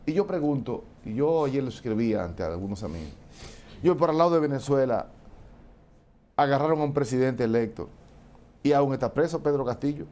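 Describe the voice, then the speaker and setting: A man's voice: medium pitch, lively intonation, fairly quick, mellow. A man in a casual political discussion, talking with indignation and asking rhetorical questions. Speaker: political commentator.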